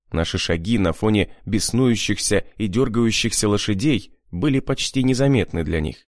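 A male audiobook narrator reads an adventure novel in scripted first-person narration, with dramatic, tense storytelling. His voice is lowish with a darkish tone, and the recording is dry and studio-clean.

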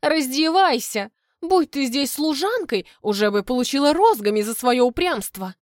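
A woman reading an audiobook, voicing a bossy, scornful female servant who speaks slowly and emphatically. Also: high-pitched, very animated, no room sound, clean studio sound, pitched above the performer's own voice. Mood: commanding. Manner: commanding, slow and emphatic.

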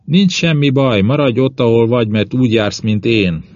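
A calm, practical male explorer, voiced by a man reading a storybook, explaining directions with patient reassurance. His voice sits noticeably higher and louder than the narration around it. The recording is dry and dull, with a lo-fi edge. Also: no echo. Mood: urgent calling.

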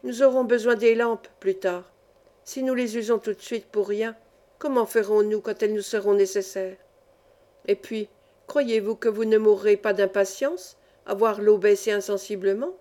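A woman reading an old mine foreman, calm. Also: mid-range voice, moderate pace, natural voice. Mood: reassuring.

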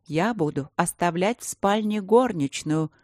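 Haughty aristocratic lady by a woman reader, ironic, passionate, raised pitch. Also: animated, slow pace, a little mellow, dry recording, studio quality. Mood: tender defiant.

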